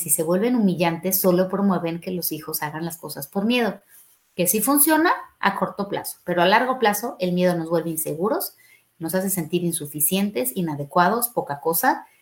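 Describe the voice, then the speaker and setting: A middle-aged woman, a family therapist explaining parenting advice on a podcast and acting out questions parents might ask. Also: on the low side. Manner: explanatory, acts out parent and child questions in a raised voice.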